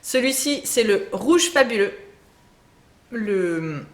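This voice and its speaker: Chatty mom vlogger doing beauty tips, lots of ums and giggles, roomy echo. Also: female voice, mid-range voice, animated, slow pace. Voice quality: chatty, laughs often, many fillers. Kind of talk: casual beauty tips chat.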